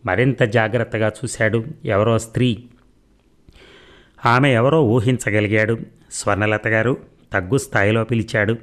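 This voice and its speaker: Guy with a lowish voice reading a detective story serial, steady and a bit suspenseful. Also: moderate pace. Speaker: narrator.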